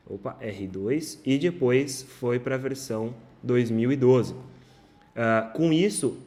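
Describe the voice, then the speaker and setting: A man's voice: medium pitch, a little mellow. A man giving a casual screen-share tech tutorial, with many filler sounds and self-corrections. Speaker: instructor.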